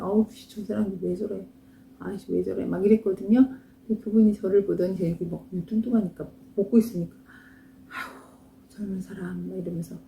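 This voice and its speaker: A woman's voice: medium pitch, warm tone, reverberant, slight background noise. A woman in her fifties, an esthetics instructor giving a frank, chatty lecture to salon owners and mixing in stories about herself. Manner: chatty, anecdotal, frank and self-mocking.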